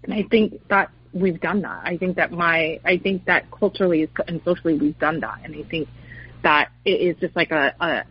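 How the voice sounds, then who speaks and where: Woman, husky voice, casual talk, animated, lots of fillers, dull lo-fi recording. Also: on the low side, moderate pace. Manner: animated, many fillers, acts out quoted voices. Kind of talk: casual discussion.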